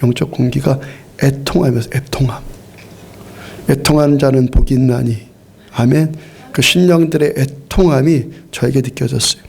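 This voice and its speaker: A man's voice: medium pitch, steady tone, moderate pace, creaky, darkish tone, slightly rough. A middle-aged male pastor preaching a sermon in a church, telling a story earnestly and often repeating and restarting his phrases. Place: church sanctuary.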